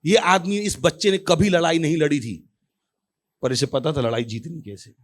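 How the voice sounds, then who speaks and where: A man's voice: a little high, moderate pace. A man preaching with real energy, his voice sitting a little above the usual male range. He calls out exclamations to his congregation again and again as he teaches. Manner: animated, with frequent exclamations to the congregation. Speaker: pastor. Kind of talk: lively Hindi sermon.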